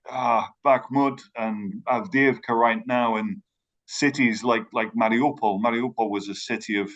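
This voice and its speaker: A man from Ireland with a British English accent gives a conference talk remotely over a video call, hesitating often with many fillers and restarts. His voice is medium-pitched with a fairly bright tone.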